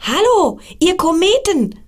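A woman voicing a lonely little boy star in a storybook tale, in a high pleading child's voice. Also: lively intonation, a little slow. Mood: eager pleading.

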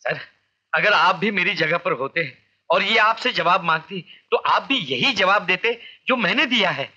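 An actor playing a blustering, vain middle-aged male college teacher in a 1990s film comedy, loud and comically indignant. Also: high voice, lively intonation, normal speed, highs cut off, full character voice. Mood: flustered.

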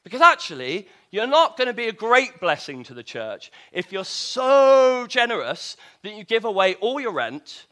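Male preacher, high and bright, chatty sermon full of rhetorical questions. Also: very animated, moderate pace, hardly any pauses.

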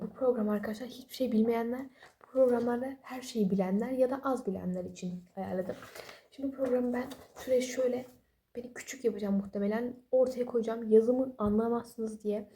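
A woman's voice: a little high, warm tone, a little hiss or hum. A young woman giving casual late-night study advice at home, sleepy and apologetic, rambling with small jokes and no proper microphone. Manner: rambling, apologetic, chatty with self-deprecating jokes. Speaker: study vlogger. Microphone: no external microphone.

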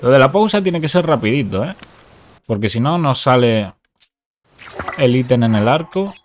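A man's voice: mid-range voice, animated, normal speed, soft background music. Man narrating a game glitch. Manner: talks through steps, repeats short commands. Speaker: gaming youtuber. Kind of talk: casual game tutorial commentary.

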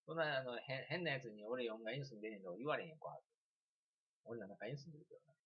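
A man with a Kansai accent, chatting and telling a story on a livestream in an animated, giggly way. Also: medium pitch, very fast, dull audio. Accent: Kansai Japanese. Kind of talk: casual rambling storytelling.

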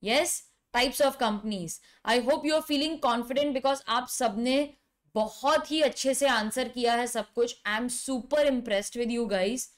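High-pitched Indian woman teaching a class. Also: fast talker. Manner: emphatic, repeats key phrases. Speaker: law teacher. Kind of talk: live online lecture with direct questions to students.

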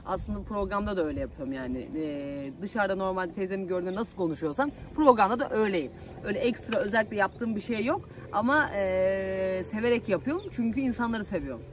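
A woman's voice: mid-range voice, lively intonation, fast, few pauses, slight background noise. Chatty woman with an Aegean Turkish accent. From Aydın, Turkey. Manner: chatty, homely, loose with fillers. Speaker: TV field reporter and presenter. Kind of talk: casual Q&A answering followers.

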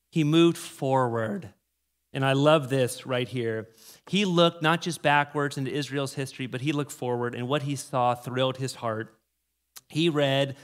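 A middle-aged American man preaching a sermon from a church stage into a handheld mic, telling stories with animated emphasis on key words. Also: mid-range voice. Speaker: pastor.

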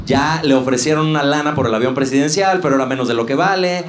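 A young Mexican man doing live stand-up comedy, crude and mocking, shouting punchlines to a laughing crowd on a club stage. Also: medium pitch, fast talker, reverberant, a little hiss or hum.

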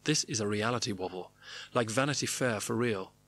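A man's voice: on the low side, fairly quick, fairly bright tone. A man narrating his own diary entries in clipped, wry phrases. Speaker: narrator reading his diaries. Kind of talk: scripted memoir narration.

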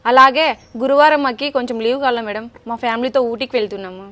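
Woman playing a cheerful employee, high and rapid. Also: a bit bright. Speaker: office employee in a comedy skit. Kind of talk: comic sketch acting.

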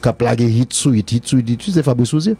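A man's voice: medium pitch, quick pace, mellow. A man with a Haitian accent rambling through a casual radio-show debate about music, repeating his phrases and laughing often. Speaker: music commentator.

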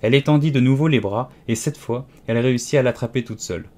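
A man narrates a storybook with measured, expressive delivery. His voice is of average pitch for a man and reads the story steadily. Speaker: audiobook reader. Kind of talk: scripted audiobook narration.

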